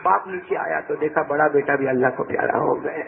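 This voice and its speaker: A man preacher telling a religious story in a dramatic sermon, swinging between raised cries and hushed low passages and often asking his listeners questions. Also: gravelly, a little hiss or hum. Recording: tinny phone-like sound.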